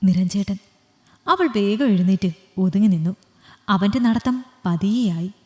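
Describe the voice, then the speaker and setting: A woman storyteller reads an audiobook story in a steady, expressive voice, pitched in a middle register. A long echo trails every phrase. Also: a little slow. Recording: long room reverb.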